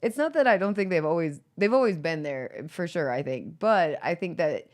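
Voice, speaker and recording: A woman with a slightly low voice hosts a relaxed podcast chat. She rambles through her ideas and leans on "like" as a filler. She laughs easily while she talks. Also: normal speed. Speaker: podcast host. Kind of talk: casual podcast conversation.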